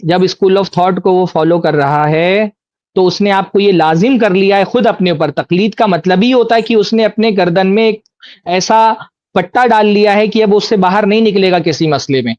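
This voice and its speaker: A man's voice: sits high, a little mellow, no echo, highs cut off. A man co-hosting a live debate, arguing his case through repeated rhetorical questions. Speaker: co-host debater.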